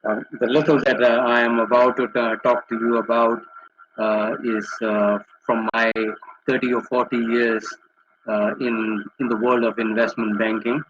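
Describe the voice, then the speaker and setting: A man's voice: mid-range voice, little pitch movement, moderate pace, noisy background. A man from Singapore and Malaysia, a guest on a webinar, introducing himself hesitantly over a headset on a video call. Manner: hesitant, many uh fillers. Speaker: guest, impact investor. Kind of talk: conversational self-introduction. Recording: muffled video call audio.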